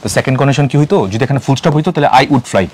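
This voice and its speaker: A man, teaching English grammar answers and reading example sentences out slowly. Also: mid-range voice, darkish tone. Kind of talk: exam solution lecture.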